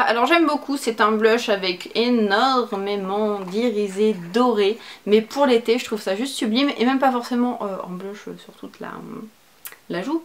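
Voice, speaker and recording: A young woman chatting casually through a make-up favorites review, full of fillers and casual slang. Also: medium pitch. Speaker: beauty vlogger.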